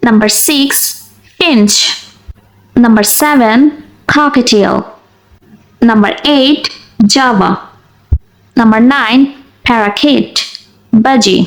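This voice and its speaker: A woman teaching English pronunciation, saying each word slowly and deliberately, one item at a time. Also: fairly high pitch, rough recording. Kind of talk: slow pronunciation lesson.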